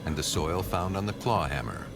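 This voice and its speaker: Deep-voiced male documentary narrator. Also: expressive, gravelly, noisy background. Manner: grave, measured. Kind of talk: scripted narration. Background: music.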